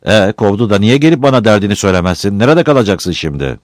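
A man's voice: lowish voice, lively intonation, fast talker, dry recording, clean studio sound, voice pushed up, close to an everyday voice. A man voicing a pompous village headman giving orders to a young man. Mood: bossy. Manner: bossy, commanding. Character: pompous middle-aged male village headman.

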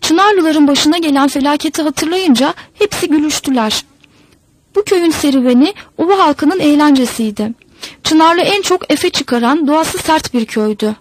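Woman, storybook narration, high voice, dry close recording, measured reading. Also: no echo, poor audio.

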